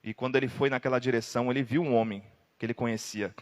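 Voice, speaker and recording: A Brazilian man preaching in a church hall, and his voice rings with a long reverb. He tells his story dramatically and breaks into sudden loud outbursts. His pitch sits around the middle for a man. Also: fairly even intonation, fast. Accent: Brazilian Portuguese. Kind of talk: sermon.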